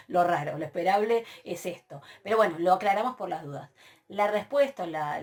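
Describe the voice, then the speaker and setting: Patient woman teaching. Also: mid-range voice. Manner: patient, checks in with frequent "¿sí?"; spells out forms slowly with stressed syllables. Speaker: Greek teacher. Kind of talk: recorded university lecture.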